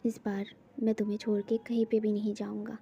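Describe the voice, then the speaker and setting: A man voicing a dragon man who apologizes softly and tenderly to his lover. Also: very high voice, flat delivery, measured pace. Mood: whispered tender. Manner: soft, apologetic. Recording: dull lo-fi recording, faint music.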